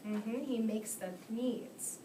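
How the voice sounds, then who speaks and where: In a classroom recorded from across the room, a woman reads aloud to young children, giving simple, repeated instructions and asking prompting questions. Her voice is on the high side, fairly even and slow, while the echoey room and distant mic pick up loud chatter from the kids.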